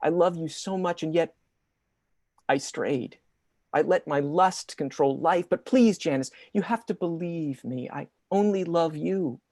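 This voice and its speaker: A woman's voice: deep voice, measured pace, darkish tone, dry recording, studio quality. A woman playing a bumbling, henpecked husband. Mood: exasperated. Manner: exasperated, stammering, overwrought. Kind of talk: improvised comedy scene.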